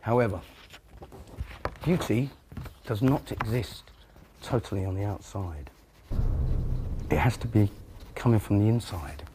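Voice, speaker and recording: A man with a low voice speaks in a slow, deliberate and theatrical way. His remarks are cutting and carefully placed. Faint room noise runs underneath. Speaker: reality show housemate.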